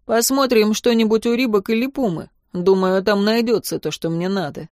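A woman's voice: medium pitch, moderate pace, a little mellow, no room sound, clean studio sound, lightly acted. A woman voicing a proud, breezy young man in a story reading.

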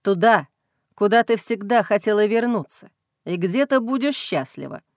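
A woman voicing a young male werewolf alpha, intense and tender, in a lowered, hushed voice for an audiobook. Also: expressive, moderate pace, dry recording, clean studio sound, close to an everyday voice. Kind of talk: audiobook reading.

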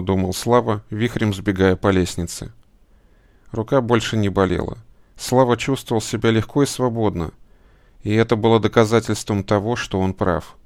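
Guy reading a dark story, deep gravelly voice, dry and close. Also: no room sound. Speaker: audiobook narrator. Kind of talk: scripted narration.

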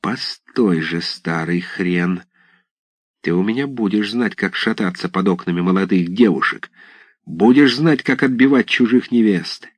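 A man's voice: low-pitched, unhurried, husky, no room sound. A man voicing a bold young village lad in a storybook reading, with a sly, taunting manner. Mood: mocking.

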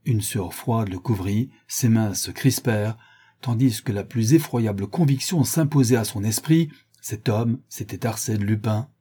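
A man reading a novel aloud as narrator, in steady, measured narration. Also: fairly low pitch, slightly rough. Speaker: audiobook narrator. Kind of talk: scripted narration.

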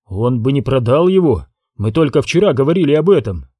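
Man doing a hesitant homesteader, evasive, warm voice, lively pitch. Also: brisk, husky, dry recording, studio quality. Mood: wary. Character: wary, evasive male homesteader.

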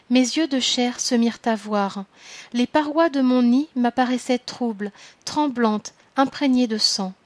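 A woman narrating a literary story in the first person, reading in a measured, grave manner. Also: on the high side, a little mellow, no room sound. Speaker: audiobook narrator.

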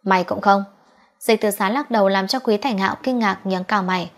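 A woman reading a romance novel aloud as an audiobook narrator, in a steady, even storytelling delivery. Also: mid-range voice, fast. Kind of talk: scripted narration.

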